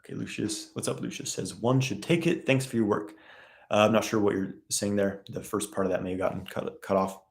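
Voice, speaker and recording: Relaxed low-voiced man hosting a live Q&A. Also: a little fast, gravelly. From West. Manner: relaxed, rambling, reads chat questions aloud. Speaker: livestream host answering viewer questions. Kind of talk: casual live Q&A.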